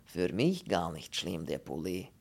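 A man voicing a bearded Polish émigré who speaks slow, broken German with a Polish accent. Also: sits low, very animated, creaky, husky, voice pushed down, exaggerated voice. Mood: stubborn. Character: impoverished Polish male émigré, bearded, smug.

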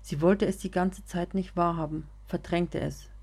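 A woman narrating a serialized story in a steady, measured reading voice. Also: on the low side, husky.

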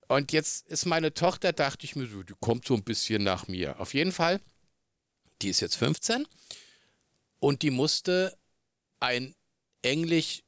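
A man, co-hosting a casual podcast and telling stories in a chatty, animated way. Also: mid-range voice, dry recording, clean studio sound. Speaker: podcast co-host. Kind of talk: casual podcast chat over a call.

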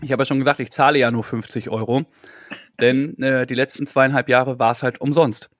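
A man's voice: mid-range voice, steady tone, brisk, no room sound, clean studio sound, close to an everyday voice. A man playing a mock-earnest tenant or surveyor in an improvised comic phone role-play, formal, polite and a little hesitant.

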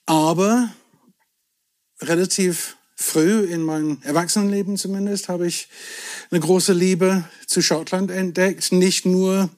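English-born man chatting, slightly high voice. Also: steady tone, a little slow, a little mellow. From southwest England. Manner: chatty storyteller, self-deprecating humour. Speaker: podcast guest, whisky entrepreneur. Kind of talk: casual chat.

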